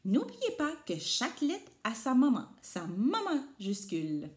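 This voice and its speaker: Give me a cheerful encouraging mother, read by a woman, lively. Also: a little high, a little slow.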